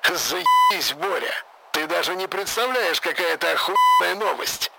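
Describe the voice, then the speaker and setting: A man's voice: high voice, wildly swooping pitch, moderate pace, pitched above the performer's own voice, full character voice. A man voicing a crude, swearing male gang boss who speaks over a walkie-talkie in an audiobook. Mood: elated. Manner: rough, swearing, elated. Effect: walkie-talkie radio sound. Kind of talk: audiobook character voice. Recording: noisy crackling radio transmission.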